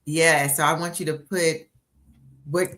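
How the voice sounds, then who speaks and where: A woman's voice: low voice, fairly even intonation, a little slow, a bit bright. A woman in her sixties hosting a livestream interview as a book coach, upbeat and encouraging, often repeating herself on a video call. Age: 60s.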